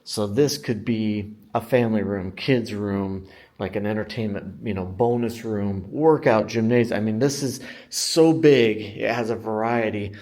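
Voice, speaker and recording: A man's voice: on the low side, a little slow, darkish tone. Enthusiastic American male real estate agent. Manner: enthusiastic sales talk, emphasising features. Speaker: real estate agent giving a home tour. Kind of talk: casual walk-through tour narration to viewers. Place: inside a house, walking room to room.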